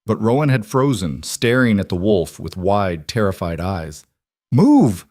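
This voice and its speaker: Deep-voiced man narrating a dramatic story. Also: moderate pace, darkish tone, dry recording, clean studio sound. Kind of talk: scripted narration.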